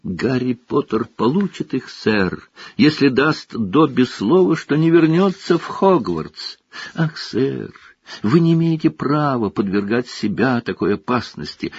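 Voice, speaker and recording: A small, anxious house-elf, as a male narrator puts him on, squeaking in a high, pleading voice that rises and falls a great deal. He sounds husky and a little muffled. The recording is slightly dull and dry. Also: lively intonation, measured pace, a little mellow, no echo. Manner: servile, calls listener sir, speaks of himself by name.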